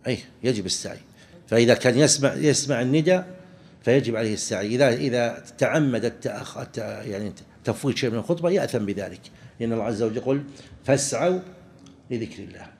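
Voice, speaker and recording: A man, a religious teacher explaining a legal text to students, halting and often restarting his words. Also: medium pitch, expressive, a little mellow. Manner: halting, with frequent restarts and pauses.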